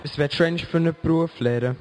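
A man's voice: on the high side, rapid-fire, a little mellow, a little hiss or hum. A man interviewing children in a casual way, asking short, repeated questions. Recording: long hall reverb.

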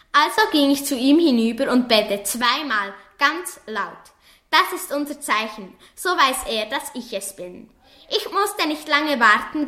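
A woman reading a children's story aloud in a lively storybook manner, recorded in an echoey room. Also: high voice.

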